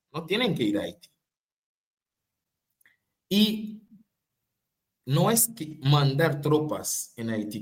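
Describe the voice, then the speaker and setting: A man from Haiti speaks as a political activist, emphatic and repeating phrases for rhetorical weight. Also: medium pitch. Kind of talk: impassioned political talk.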